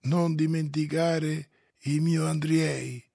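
A man voicing Oblomov, a weary, timid man who talks in a soft, pleading way, with a gravelly, husky voice. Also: high-pitched, slow, full character voice. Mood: tender.

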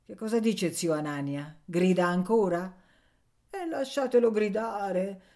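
A woman's voice: mid-range voice, animated, unhurried, dark tone, voice pushed up, natural voice. A woman reading a novel aloud, voicing a bold, cheeky village boy who turns brash and wheedling.

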